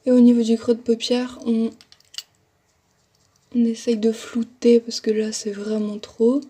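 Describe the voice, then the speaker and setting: A woman's voice: a little high, monotone, a little slow, warm tone, slightly rough. A young woman chatting casually through a makeup tutorial, talking as she works and making fun of herself. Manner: chatty, self-deprecating, talks while working. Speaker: makeup vlogger.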